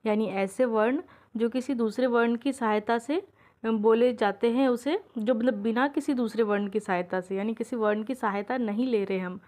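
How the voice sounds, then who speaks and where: A woman teaching an exam-prep grammar lesson, explaining step by step, checking in with her students and drawing out each example sound slowly. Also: a little high, darkish tone. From India.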